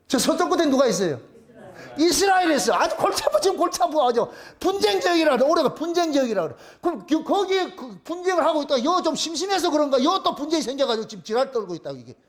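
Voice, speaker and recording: A man's voice: extremely high pitch, big pitch swings, quick pace. A man, a pastor, preaching a sermon in a blunt, colloquial way and repeating his key phrases for emphasis. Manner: blunt, colloquial, crude at times. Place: church.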